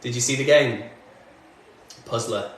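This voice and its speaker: A chatty male music streamer from northwest England talks while working in his indoor home studio, answering chat comments during a casual livestream. His medium-pitched voice is a little slow and recorded off mic from a distance, in a very echoey room with faint background noise.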